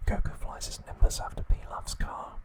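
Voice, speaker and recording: In a hushed, breathy ASMR whisper, a man delivers a scripted recap, keeping his phrases short and his pace slow and deliberate.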